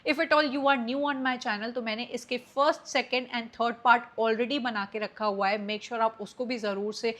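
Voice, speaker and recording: A woman's voice: fairly high pitch, fairly even intonation, slow, hardly any pauses, a bit bright. A woman teacher with an Indian English accent, giving an exam-prep lecture to camera and switching freely between Hindi and English.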